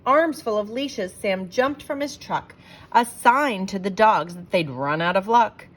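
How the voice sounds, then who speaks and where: With theatrical expression, a woman performs rhyming children's verse, stressing each rhyme as she tells it. She has a mid-range voice and takes her time.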